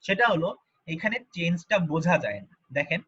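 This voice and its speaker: Guy teaching arabic grammar, bright a bit husky voice, goes over each word slowly, dull lo-fi audio. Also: sits high, big pitch swings. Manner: patient, repeats each Arabic form slowly, asks learners questions. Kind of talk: online grammar lesson explained in Bengali.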